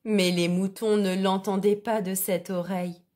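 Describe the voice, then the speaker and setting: A woman reading a children's storybook aloud in a clear, expressive way. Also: medium pitch, unhurried.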